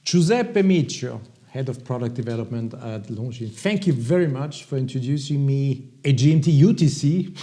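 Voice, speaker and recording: A man from Austria with an Austrian accent and a gravelly voice, casually presenting products to viewers as a video host in halting, hesitant phrases. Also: medium pitch, lively intonation, mellow. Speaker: watch review video host.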